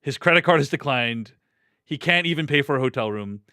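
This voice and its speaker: A man's voice: mid-range voice, animated, fairly quick, pushed and bright, smooth, no echo, studio quality. A man hosting a casual movie discussion, chatty and recapping scenes in a loose, conversational way. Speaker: host.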